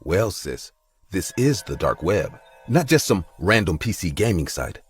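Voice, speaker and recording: A man's voice: low voice, sing-song, a little slow, breathy edge, soft background music, exaggerated voice. A man voicing a bold, tipsy young woman who bosses her younger sister around with a teasing edge. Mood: smirking. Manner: teasing, bossy.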